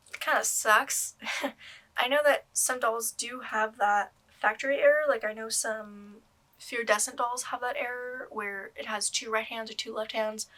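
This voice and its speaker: A woman's voice: a little high, pushed and bright. A young woman doll collector talking casually to camera, rambling with many ums and restarts. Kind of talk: casual vlog review.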